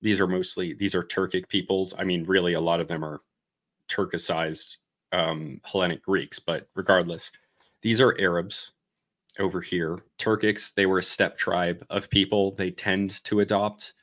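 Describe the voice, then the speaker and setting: A man's voice: sits low, fairly even intonation, moderate pace, a bit bright, dry recording, clean studio sound. A man in his thirties hosting a casual reaction commentary from a room at home, thinking aloud and wandering off on side points as he explains. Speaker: host reacting to a video. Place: home room with bookshelves, indoors. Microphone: headset mic.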